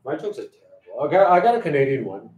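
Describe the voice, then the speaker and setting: A man's voice: mid-range voice, sing-song, quick pace, darkish tone. A man chatting casually in a hair salon, telling long rambling jokes and slipping into voices for the characters. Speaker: hairdresser. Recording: echoey room, mic far off.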